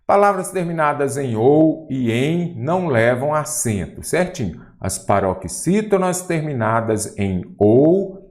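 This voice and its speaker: A man's voice: medium pitch, unhurried, hardly any pauses. A man with a Brazilian Portuguese accent teaching a grammar lesson for exam prep, talking straight to the viewer and asking questions as he goes. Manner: didactic, lively, addresses viewer directly with questions.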